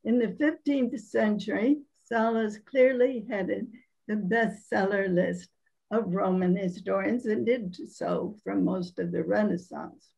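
A hoarse woman delivers an academic conference presentation over a video call, reading in a careful, measured way. Her voice is gravelly with fry, and she speaks at an unhurried, slow pace. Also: medium pitch, a little mellow, poor audio. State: hoarse from laryngitis. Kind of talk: scholarly presentation.

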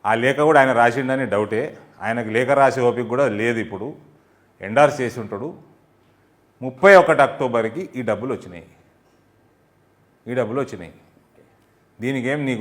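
A man, a party spokesman answering in a heated political interview, scolding and sarcastic, firing rhetorical questions. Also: mid-range voice.

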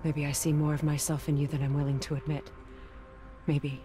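An actress playing a guarded, weary woman sorceress in a video game cutscene, speaking calmly and with measured solemnity. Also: sits low, background noise, lightly acted. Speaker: game character. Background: game music.

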